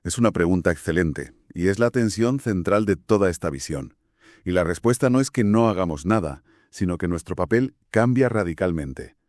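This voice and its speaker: A man from Spain co-hosting a Bible study podcast, explaining in a measured way. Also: low voice, animated, darkish tone, dry recording, studio quality. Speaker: podcast co-host.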